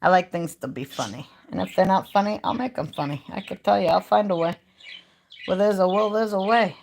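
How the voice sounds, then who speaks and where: A woman's voice: lowish voice, a little fast, creaky, darkish tone, a little hiss or hum. Woman on a phone livestream, chatty and folksy, just talking to her viewers. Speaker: live streamer. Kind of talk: casual live-stream chat.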